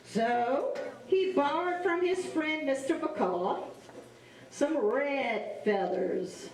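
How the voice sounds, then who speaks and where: A woman with a Cajun accent telling a story to children in a playful, animated way, acting out the dialogue. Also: high voice, slow pace. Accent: Cajun Louisiana. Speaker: storyteller and face painter. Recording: echoey large room, distant mic.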